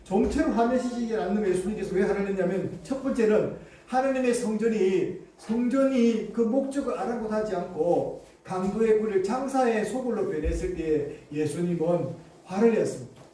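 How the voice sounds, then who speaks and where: High-voiced pastor in an echoey church. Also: male voice, moderate pace, mellow, slight background noise. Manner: asks the congregation questions, acts out scolding voices. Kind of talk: sermon. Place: church sanctuary. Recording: echoey church room, distant mic.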